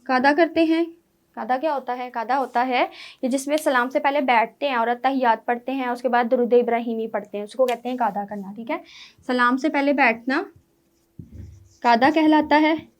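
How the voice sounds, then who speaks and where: High pitched lady teacher, walks the kids through step by step, keeps asking "right?". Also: normal speed. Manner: explains step by step, often asks "right?". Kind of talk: online lecture to schoolchildren.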